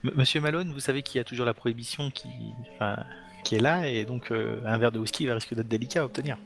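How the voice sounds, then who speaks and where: A rapid-talking man at a role-playing table, tossing in chatty, breezy remarks at a middling pitch. Faint music sits underneath. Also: gravelly. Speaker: player.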